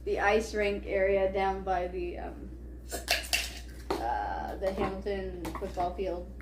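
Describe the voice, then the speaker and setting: A woman's voice: mid-range voice, takes it slowly. A woman co-hosting a casual chat podcast, swearing freely and laughing through her stories. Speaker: podcast co-host. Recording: echoey room with faint hiss.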